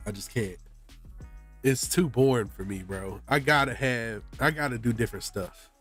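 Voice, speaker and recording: A man's voice: mid-range voice, normal speed, a bit bright, husky, soft background music. A man streaming a game while sick with a blocked nose, chatting casually with viewers in loose, slangy speech full of "bro". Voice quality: congested, stuffy nose. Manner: slangy, often says "bro".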